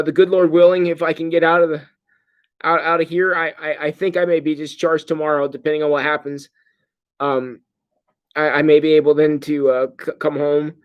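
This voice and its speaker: Groggy, medicated middle-aged man speaking haltingly. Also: on the high side. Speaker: pastor. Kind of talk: casual livestream update to congregation. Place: hospital room.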